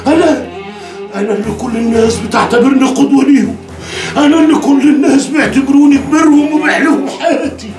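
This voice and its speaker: An actor playing a middle-aged, pious, furious Egyptian father who shouts and wails curses at his son. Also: very high voice, fast talker. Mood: raging. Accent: Egyptian Arabic. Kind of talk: TV drama acting. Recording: echoey room, distant mic, music.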